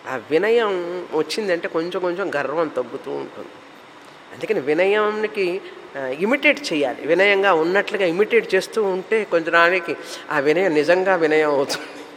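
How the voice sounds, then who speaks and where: A man's voice: sits high, moderate pace, a bit bright, long reverb tail, a little hiss or hum, rough recording. A man giving a spiritual discourse as a teacher, explaining terms in long listed runs. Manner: explanatory, lists terms in runs, mixes English words.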